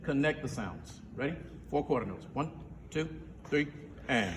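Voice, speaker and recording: Band director counting in a reverberant room. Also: male voice, mid-range voice, expressive, measured pace. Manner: instructive, counts players in, sings syllables to demonstrate. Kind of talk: teaching a band rehearsal. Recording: distant, reverberant room recording with faint noise.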